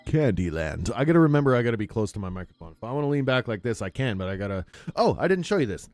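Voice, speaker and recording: A male streamer talks in an easygoing, rambling way, laughing often as he plays. His voice sits at a middle pitch and is picked up close on a boom-arm mic, with faint game music behind him. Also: big pitch swings, very fast, a little mellow, no echo. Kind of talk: casual chat while gaming. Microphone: close studio mic on a boom arm.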